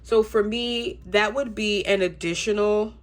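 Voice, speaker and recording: A young adult woman, a budgeting YouTuber, talks to viewers in a congested, mid-range voice at an unhurried pace. She stays chatty and relaxed, with frequent ums.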